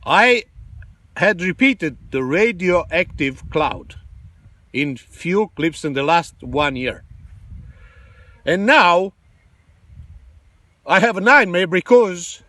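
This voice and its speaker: A man with a Romanian accent, giving emotional political commentary, halting and full of fillers. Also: sits high, animated, sharp tone, no room sound. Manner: impassioned, halting, many fillers and restarts.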